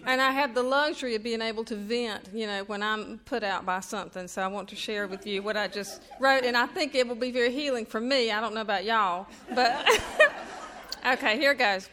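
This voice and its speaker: Here the North Carolina author's pitch runs fairly high, her tone bright and forceful, her speed normal. The middle-aged woman, Southern accent intact, keeps up a chatty, self-deprecating comic talk for a live audience in an event room.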